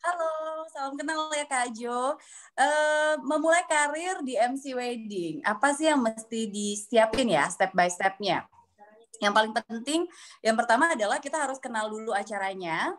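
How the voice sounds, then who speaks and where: A woman's voice: a little high, normal speed, fairly bright tone. Friendly woman coaching public speaking. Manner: friendly, explanatory, uses frequent tag words. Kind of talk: online class, answering questions.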